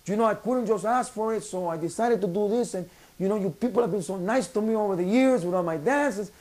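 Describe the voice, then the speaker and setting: A man's voice: high voice, brisk, a little mellow, pitched above the performer's own voice, close to an everyday voice, rough recording. A man voicing a cheeky male dance promoter who pleads with a restless crowd, in a raised, exaggerated voice. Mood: confessing.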